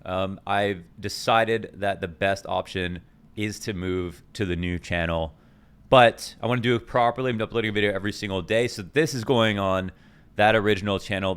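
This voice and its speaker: A man's voice: lowish voice, clean tone. A man who coaches esports, chatting casually and enthusiastically to his channel's viewers, rambling and correcting himself as he goes. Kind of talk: casual talk to camera.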